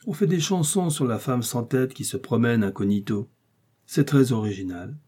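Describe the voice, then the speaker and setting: A man's voice: mid-range voice, animated, moderate pace, dark tone, slightly rough. A man reading an audiobook, voicing an agitated middle-aged police chief who talks nervously and complains. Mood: exasperated.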